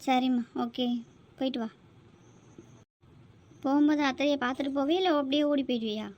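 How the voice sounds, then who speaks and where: A woman voicing a kindly middle-aged aunt who talks briskly and teases gently. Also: high-pitched, fairly even intonation, a little hiss or hum, natural voice. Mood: affectionate. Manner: brisk, affectionate, teasing.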